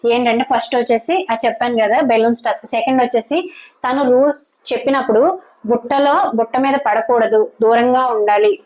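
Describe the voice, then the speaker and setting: Fast-talking woman reviewing a reality show. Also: fairly high pitch, low-quality recording. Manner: fast, animated retelling that acts out quoted lines. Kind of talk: casual spoken review recounting quoted arguments.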